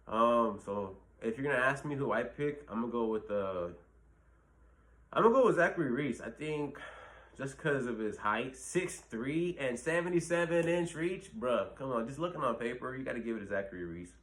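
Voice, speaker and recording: A man's voice: medium pitch, normal speed, fairly bright tone. A man hosting his own channel, giving blunt, profane fight predictions in a rambling casual talk full of fillers. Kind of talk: casual solo commentary.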